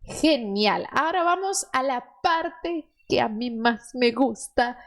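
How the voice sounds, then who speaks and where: A young adult woman with a southern Brazilian accent teaching a language lesson, patiently explaining and modeling words slowly for the listener to repeat. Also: a little high, animated, gravelly, a bit bright. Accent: southern Brazilian Portuguese. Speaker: Spanish teacher.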